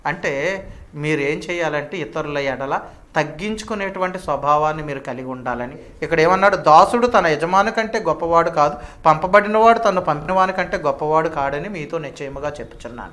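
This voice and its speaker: A man preaching a sermon as a pastor, fervent, rising to loud declamation as he addresses listeners as children. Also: a little high, fairly quick.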